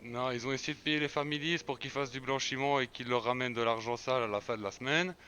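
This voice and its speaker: A man streaming a crime role-play game, speaking in character as a gang member who explains things calmly at length and often restarts his sentences. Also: medium pitch, quick pace, slight background noise.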